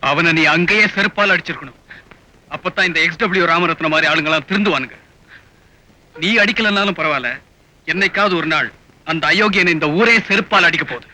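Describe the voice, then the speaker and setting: A man's voice: high-pitched, fast talker, sharp tone, low-quality recording. An actor playing an indignant man who is protective of a woman. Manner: angry, protective. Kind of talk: film dialogue.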